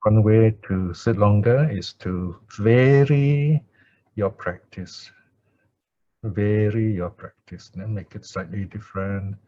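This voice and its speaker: A Buddhist teacher with a fairly low voice leads chanting and guided meditation, calm and measured, leaving pauses as he goes. The audio sounds dull.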